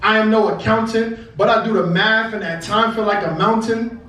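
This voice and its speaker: A man's voice: high-pitched, fairly even intonation, moderate pace, a bit bright. Echoey young man reading poetry aloud. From Brooklyn, New York. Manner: rhymed, cadenced, emphatic delivery. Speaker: spoken word poet. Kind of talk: poetry reading, rhythmic spoken word performance. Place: indoor cafe stage before an audience. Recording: echoey live venue, distant mic, faint noise.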